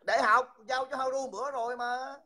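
A man's voice: extremely high pitch, steady tone, moderate pace, pushed and bright. A man, hosting a livestream and mockingly insulting someone over and over. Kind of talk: heated livestream taunting.

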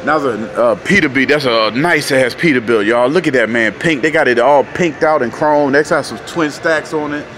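Folksy trucker vlogging outdoors. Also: male voice, mid-range voice, normal speed, hardly any pauses, a little hiss or hum. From North Carolina. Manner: animated, folksy, repeats "y'all" and "man". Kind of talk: casual vlog talk to viewers. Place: truck stop, indoors and outdoors in the lot.

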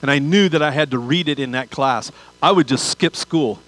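With a voice on the high side and a bit bright, an older pastor preaches at a moderate pace from a large church auditorium stage. He keeps it conversational, leaning on repeated phrases and rhetorical questions, and the audio is poor.

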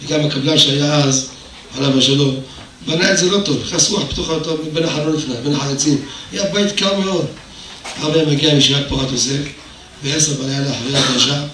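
A man's voice: on the high side, pushed and bright. An older man giving a Torah lecture, telling stories and acting out the dialogue, with emphatic bursts. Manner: storytelling, acts out dialogue, rises to emphatic bursts. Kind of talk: sermon with told anecdotes. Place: hall of a religious institution. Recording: very echoey hall, voice from far off, faint noise.

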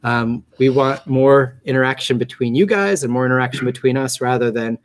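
High nasal-voiced man hosting. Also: a little fast. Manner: chatty, joking, with many ums and restarts. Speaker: meetup host. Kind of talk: casual talk to a group.

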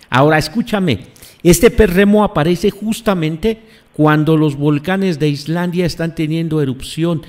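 Guy doing live commentary, kinda high voice, repeats himself for emphasis. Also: a little mellow. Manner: emphatic, repeats phrases and questions the audience. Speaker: host.

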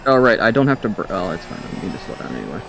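Sim racing streamer, male, rapid and animated, low pitch. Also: vocal fry, background noise. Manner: quick, animated banter. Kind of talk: casual team chat while racing.

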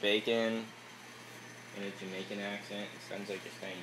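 A man's voice: fairly low pitch, level tone, normal speed, far from the mic. A young man in casual chat, bossy and joking as he tells his friend how to cook. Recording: echoey room with loud noise.

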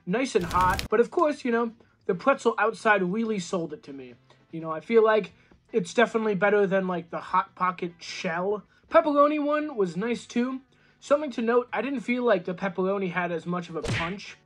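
A man's voice: high voice, animated, moderate pace, fairly bright tone. A young man reviewing microwave food at home in an easygoing, chatty way, talking to a camera across the table. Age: young adult. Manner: chatty, easygoing, lots of "you know". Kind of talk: casual food review vlog. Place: small room at home, seated at a table.

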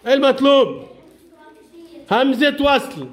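A man's voice: very high-pitched, very animated, normal speed. A male primary school teacher with a lilt, running a classroom lesson and coaxing his pupils with frequent laughs. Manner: coaxing, encouraging, laughs often.

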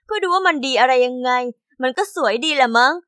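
A young woman narrating a first-person diary story in a chatty, expressive scripted style. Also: sits high, fast talker, clean tone, no echo, studio quality.

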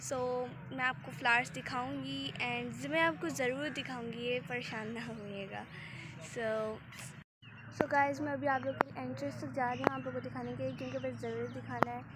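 A woman with a hoarse throat, chatting casually on a walking vlog in a park. She mixes English words into her talk and sounds a little shy. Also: high-pitched, steady tone, normal speed. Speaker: vlogger. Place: outdoor city park. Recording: noisy outdoor phone recording. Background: open-air park ambience.

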